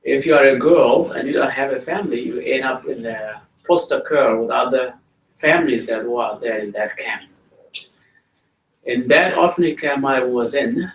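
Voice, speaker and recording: A man's voice: medium pitch, slight background noise. South Sudanese man speaking to schoolchildren. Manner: plain, slow-paced storytelling, addressing children directly. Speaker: guest speaker. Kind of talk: talk to schoolchildren. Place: school library. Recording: roomy hall audio from a distance.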